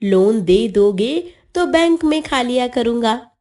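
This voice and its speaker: A woman reading as a cheeky man who asks the bank for a loan and gives naive, punning answers. The voice rises and falls a lot and the pace stays slow and deliberate. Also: a little high, animated, darkish tone.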